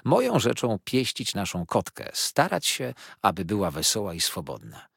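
A man voicing an eccentric older aunt who is stern yet kind, speaking in a measured, admonishing way. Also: fairly low pitch, wildly swooping pitch, creaky, slightly rough, dry recording, studio quality, exaggerated voice. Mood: firm, kindly. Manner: measured, admonishing, gently firm. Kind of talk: audiobook character voice.

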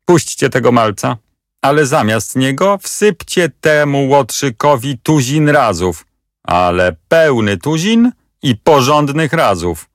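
Man doing a nasty sneering noble villain, taunting, gravelly. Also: mid-range voice, sing-song, slow, no room sound, clean studio sound, voice pushed up. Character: cruel mocking adult nobleman, villain.

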